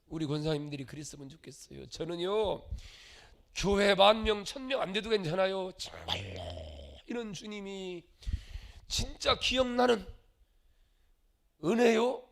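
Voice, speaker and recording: A man preaching a sermon as pastor, dramatic, acting out the voices of the people in his stories, swinging from shouts to murmurs. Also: high-pitched.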